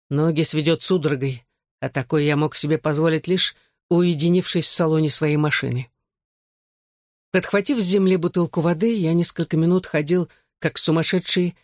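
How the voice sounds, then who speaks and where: An audiobook narrator reading a first-person novel in a steady, measured way. The voice sits in a middle register and is recorded close on a studio mic, with a dry sound and no room echo. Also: medium pitch.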